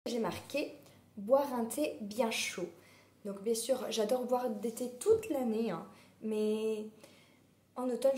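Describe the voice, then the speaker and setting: A woman vlogger chatting casually while hoarse from a sore throat, rambling with many fillers. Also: medium pitch, darkish tone, slight background noise. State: sore throat, losing her voice. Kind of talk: casual chat. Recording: roomy echo.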